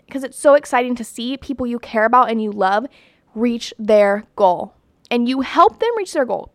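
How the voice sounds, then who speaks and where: Young woman vlogging, kinda high voice, dry close sound, blunt and chatty with tons of "like". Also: a bit bright, dry recording. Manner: chatty and emphatic, many "like"s and "you know"s; blunt and opinionated. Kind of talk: casual talk to camera.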